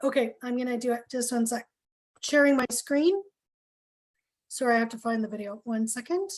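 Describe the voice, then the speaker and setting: A woman organizer presenting at a town hall over a video call, earnest with many pauses and fillers, losing her voice. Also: fairly high pitch. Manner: earnest, lots of ums and questions. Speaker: health coalition organizer.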